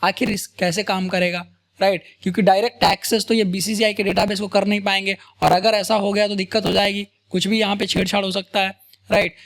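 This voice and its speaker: A male programming tutor delivers a screen-recorded coding lecture in a casual, conversational style, often checking in with viewers by asking "right?" and "boss?". His voice sits high and sounds a bit bright and creaky, with a flat, brisk delivery.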